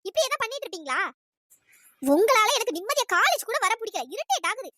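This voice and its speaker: A performer voicing a fiery young female college student in a cartoon, scolding in an exasperated, pitch-raised voice. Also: big pitch swings, bright, forceful tone, no echo, clean studio sound, full character voice. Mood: annoyed scolding. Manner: scolding, exasperated, rapid-fire complaints. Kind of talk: cartoon voice acting.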